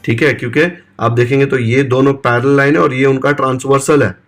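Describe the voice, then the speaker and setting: A man's voice: medium pitch, level tone, a little fast. A man teaching math, explaining step by step and asking himself questions, mixing Hindi with English terms. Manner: explains step by step, asks and answers his own questions. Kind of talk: classroom-style video lecture.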